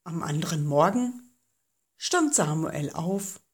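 A woman reading a Bible story for children in a gentle, clearly paced storytelling manner. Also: deep voice, very animated, takes it slowly.

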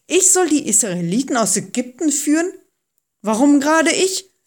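Storybook: woman playing a timid, pleading shepherd man, slow and very expressive. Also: mid-range voice. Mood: frightened. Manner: pleading, anxious. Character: frightened, hesitant adult man, shepherd.

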